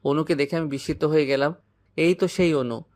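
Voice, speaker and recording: A man's voice: fairly high pitch, fairly even intonation, brisk, darkish tone. A man narrating a dramatic first-person audio story, anxious and despairing.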